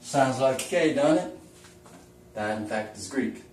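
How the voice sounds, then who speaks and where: Medium in pitch, animated yet unhurried and slightly mellow, this man's voice leads a chatty, folksy whiteboard lesson full of questions for the viewer. He's a teacher filmed by a camera taped to the wall, its mic across the room adding roomy echo and a touch of hiss or hum.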